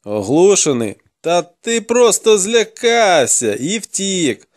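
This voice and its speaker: A man's voice: fairly high pitch, animated, normal speed, darkish tone, dry recording, studio quality, lightly acted. A man doing a mocking grim warrior. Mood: taunting, grim. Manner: taunting, commanding, gruff.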